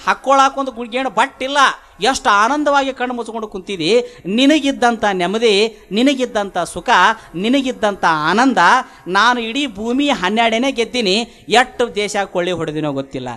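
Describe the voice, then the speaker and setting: A man doing a proud conquering king who brags and bristles, his North Karnataka Kannada accent carrying a fairly high voice. The king talks in a storytelling way, boastful and indignant. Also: sharp tone.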